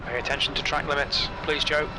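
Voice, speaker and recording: A man's voice: on the high side, little pitch movement, a little fast, background noise. A man as race engineer giving terse pit radio calls in clipped, matter-of-fact callouts. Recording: loud race car engine behind.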